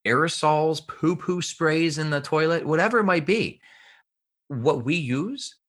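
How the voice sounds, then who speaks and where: This health researcher and author, a guest on a podcast interview, has a fairly bright voice that sits on the high side, and he takes his time. His explanations lean on emphasis and recurring phrases.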